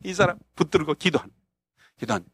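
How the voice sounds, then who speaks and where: A North Korean man with a North Korean accent, a pastor and missionary, tells a story during a sermon and acts out the scenes with bursts of shouting and laughter. His voice is fairly high with huge swings in pitch, his pace is moderate, and there is no echo.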